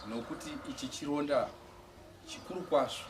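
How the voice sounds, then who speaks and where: A man gives a heartfelt church testimony at a quick pace, often stumbling and restarting his words. His voice sits a little high. He is caught by a distant mic over faint outdoor sounds, birds among them. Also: background noise. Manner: halting, restarts words, emotional. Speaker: evangelist giving testimony.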